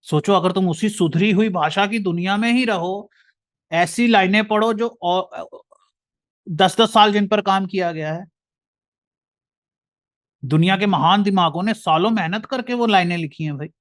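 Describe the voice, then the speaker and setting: A man's voice: high voice, unhurried, long pauses. A man with an Indian accent giving an earnest lecture, often calling the listener brother. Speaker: motivational speaker.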